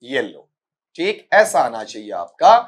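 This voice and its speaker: A man's voice: mid-range voice, very animated, slightly rough. A man with a Rajasthani Hindi accent teaching English for exams, scolding students and drilling sounds. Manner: scolding, repeatedly asks "ठीक है?" and calls students "बेटा"; spells out sounds slowly and repeats words for drilling. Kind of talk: exam-prep lesson answering student questions.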